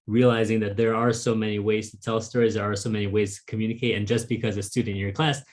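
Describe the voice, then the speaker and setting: His voice is fairly low, level and quick as he, a native Vietnamese speaker, interviews a fellow author by video call. The conversation is casual, and he thinks aloud with plenty of "like" and "um."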